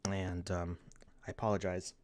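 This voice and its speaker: A man in his thirties hosts a casual livestream in a low, flat, slightly mellow voice at a moderate pace. He rambles, laughs often, sounds a little sniffly, restarts his sentences, and reads out the chat.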